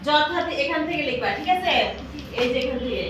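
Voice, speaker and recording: A woman's voice: high voice, expressive, a little fast, fairly bright tone. A woman teaching a classroom lesson, asking questions and repeating answers for pupils to echo. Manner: repetitive, drills pupils with questions. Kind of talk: classroom lesson with call-and-response. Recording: echoey classroom from far off, noisy.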